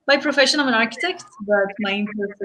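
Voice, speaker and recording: A woman's voice: fairly high pitch, fast, a bit bright, poor audio. A woman from Greece, a guest on a video-call interview, speaking carefully and searching for words. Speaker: guest, architect. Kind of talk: casual conversational interview.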